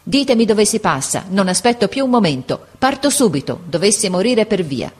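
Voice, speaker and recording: A woman's voice: mid-range voice, sing-song, normal speed, slightly rough, voice pushed up. A woman voicing a ragged, worn-out boy who pleads urgently for the way to his mother. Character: exhausted, desperate young boy searching for his mother.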